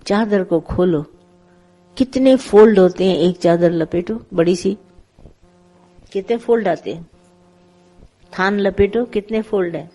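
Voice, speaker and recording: Mellow-voiced woman giving a spiritual talk. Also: medium pitch, a little slow, long pauses. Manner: conversational, gently instructive, tells parables with acted dialogue. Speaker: spiritual teacher. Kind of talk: satsang sermon.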